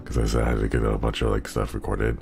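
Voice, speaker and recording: A tired man who sounds like he just woke up, chatting casually to his livestream viewers in a groggy, gravelly morning voice. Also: rumbling low, completely flat delivery, quick pace, a little mellow. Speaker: livestream host.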